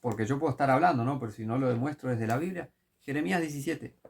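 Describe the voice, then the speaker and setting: A man's voice: mid-range voice, quick pace, creaky, slightly rough. A man preaching a sermon, emphatic and full of rhetorical questions.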